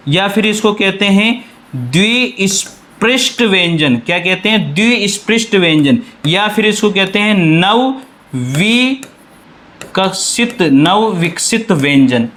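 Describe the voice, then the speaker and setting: A man's voice: high-pitched, fairly bright tone. A male teacher with a Rajasthani Hindi accent giving a grammar lecture, repeating each term and quizzing his listeners. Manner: addresses students as companions, reassuring. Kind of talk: classroom lecture.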